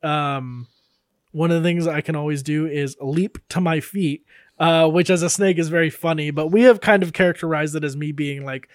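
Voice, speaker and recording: A man's voice: on the high side, moderate pace, no echo, clean studio sound. A man playing in a tabletop game, musing aloud about his character with frequent fillers. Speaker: player. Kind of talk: casual tabletop game chat.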